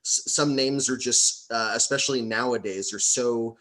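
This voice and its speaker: A man's voice: mid-range voice, moderate pace, fairly bright tone. A man hosting a casual roundtable interview over a video call, friendly and rambling with frequent restarts. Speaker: podcast host.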